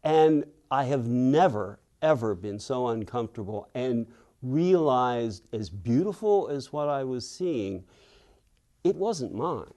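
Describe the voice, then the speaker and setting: This warm, expressive mid-range voice belongs to an older Western Pennsylvania author being interviewed. He unhurriedly shares reflective stories, taking on the voices of those he quotes.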